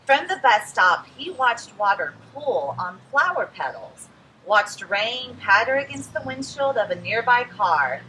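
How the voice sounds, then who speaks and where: A woman reading a picture book aloud outdoors to young children, expressive and addressing them directly as friends. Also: a little high, measured pace, low-quality recording. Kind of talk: animated read-aloud storytelling for young children. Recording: some background noise, outdoor ambience.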